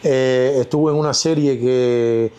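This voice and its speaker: A man's voice: mid-range voice, fairly even intonation, takes it slowly, mellow. Cuban man telling his story. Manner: reflective, storytelling, many fillers. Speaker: actor, interview guest. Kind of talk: casual interview talk.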